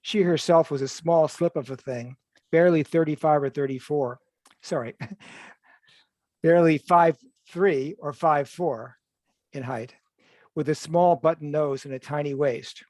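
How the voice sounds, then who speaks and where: A male author reading from his own novel in a measured, even way, now and then correcting himself. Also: fairly high pitch, no echo. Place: livestream reading.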